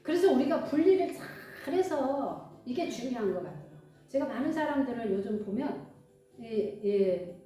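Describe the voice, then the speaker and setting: A middle-aged woman pastor with a fairly high voice delivers a lively, conversational sermon, acting out short snippets of dialogue. She was recorded from a distance in an echoey church hall, with faint music in the background.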